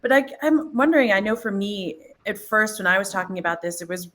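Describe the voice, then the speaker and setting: A woman moderating a panel discussion, upbeat and brisk as she introduces speakers. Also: medium pitch, animated, a bit bright, a little hiss or hum.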